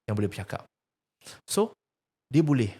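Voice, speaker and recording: A man with a Malaysian accent and a husky, warm, medium-pitched voice speaks at normal speed, very animated, as a religious activist. He talks earnestly about faith in an emphatic, preaching tone, posing rhetorical questions and telling a teaching story.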